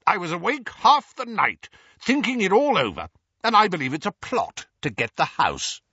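A red-faced, blustering uncle voiced by a man roars his words in a strained, higher register, bursting with wild swings of pitch. The sound is dry and a little dull, like a lo-fi home recording. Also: very animated, moderate pace, husky, no room sound, full character voice. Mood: stubborn. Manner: shouting, shrill when enraged. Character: blustering, furious middle-aged uncle, bellowing and paranoid.

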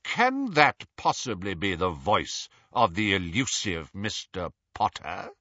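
A man's voice: medium pitch, wildly swooping pitch, a little slow, pushed and bright, dry recording, lo-fi sound, voice pushed up, full character voice. A man voicing a haughty old male professor in a talking portrait from a storybook, with a pompous, disdainful and formal manner. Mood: haughty, demanding.

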